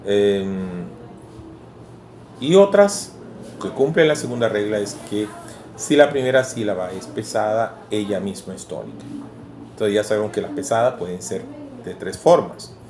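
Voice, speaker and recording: A male language teacher with a Venezuelan Spanish accent, giving a deliberate lecture in which he sounds out syllables one at a time. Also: fairly low pitch, expressive, a little mellow. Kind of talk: explanatory lecture. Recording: echoey room with faint background hiss.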